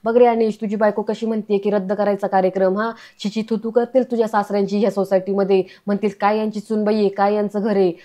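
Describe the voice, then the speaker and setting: A woman's voice: mid-range voice, little pitch movement, fast, hardly any pauses, warm tone, natural voice. A woman voicing a bossy, nagging older mother-in-law in a retold family serial. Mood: scolding. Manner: nagging and lecturing.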